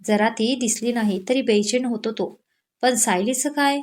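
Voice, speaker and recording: A woman's voice: fairly high pitch, normal speed. A woman with a Marathi accent narrating a romantic story, reading every character's lines in much the same voice. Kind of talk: scripted narration with character dialogue.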